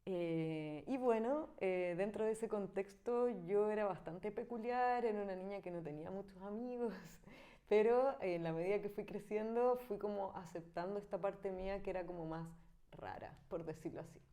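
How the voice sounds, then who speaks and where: A woman's voice: mid-range voice, moderate pace, warm tone. A woman in her thirties from Chile with a Chilean accent, a guest artist chatting casually in an interview, thinking aloud with many fillers and frequent laughs. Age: 30s.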